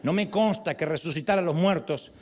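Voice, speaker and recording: A man's voice: a little high, brisk. A male pastor preaching a sermon, telling the story with humor and playful asides. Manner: animated storytelling with humor and acted quotes.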